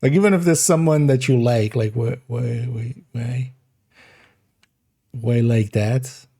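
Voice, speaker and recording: A man gives loose, rambling commentary while he plays a game. His voice is mellow and soft-edged, and he giggles and restarts his sentences often. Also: mid-range voice, takes it slowly, gravelly, slightly rough. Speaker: game streamer. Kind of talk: casual gameplay commentary.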